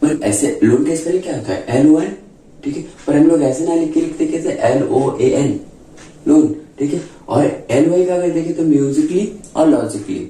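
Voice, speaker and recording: A male teacher gives a classroom-style grammar lesson, repeating his points and slowing down to spell out letters one by one. His voice is very dark and mellow. It is recorded from a distance and bounces around a strongly echoey room. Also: a little high. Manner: repeats points, frequent "ठीक है" and "क्या बोले" checks. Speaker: English teacher.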